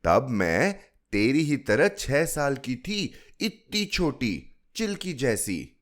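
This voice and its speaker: A man's voice: medium pitch, sing-song, slow pace, pitched above the performer's own voice. A man voicing a coaxing woman of fifty. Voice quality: coaxing, storytelling lilt.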